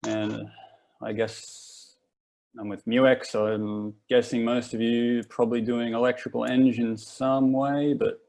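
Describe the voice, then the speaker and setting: Aussie dude in his 20s running a workshop, kinda rambly, bit of fry in his voice. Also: medium pitch, level tone, measured pace, a little mellow. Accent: Australian. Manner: laid-back, rambling, self-correcting. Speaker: workshop host. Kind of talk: casual live workshop talk.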